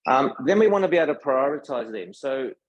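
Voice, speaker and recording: This tech company presenter has a medium-pitched, expressive voice and an Australian accent, and he talks fairly quickly. At a meetup, he gives a relaxed technical talk, checking in with listeners through questions and "right?". The recording is dry, with the highs cut off.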